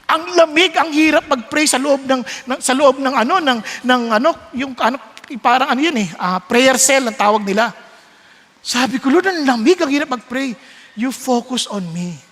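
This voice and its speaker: A man preaching a sermon, storytelling with lively switches between Tagalog and English and acting out voices. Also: extremely high pitch. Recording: long hall reverb.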